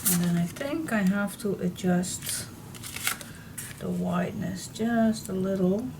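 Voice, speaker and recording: At a medium pitch and a slow, relaxed pace, a slightly hoarse woman chats about her crafting, half talking to herself as she works on a papercraft tutorial. Heavy background noise runs through the clip.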